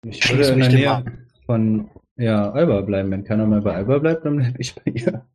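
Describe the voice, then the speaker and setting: A man playing in a tabletop role-playing game, talking in an easygoing, relaxed way. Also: medium pitch, normal speed, slight background noise. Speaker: player. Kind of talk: casual chat at a tabletop game.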